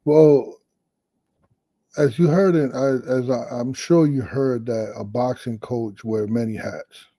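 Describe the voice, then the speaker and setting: A man's voice: mid-range voice, steady tone, slow pace, warm tone, no echo, low-quality recording. A middle-aged man, a boxing head trainer, answering interview questions in a loose, candid way and swearing now and then.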